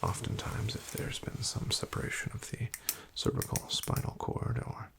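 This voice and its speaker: A man whispers an ASMR roleplay as a doctor making a house call. He keeps it hushed and wryly deadpan at a moderate pace, with soft fillers.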